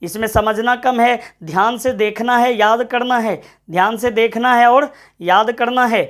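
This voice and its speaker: A man's voice: very high-pitched, fairly even intonation, a little slow, a bit bright. Male English teacher, online lecture, repetitive drilling, pep-talking students. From Bihar, India. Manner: drills words by repeating them, urges students on; addresses students as friends, gives pep talks.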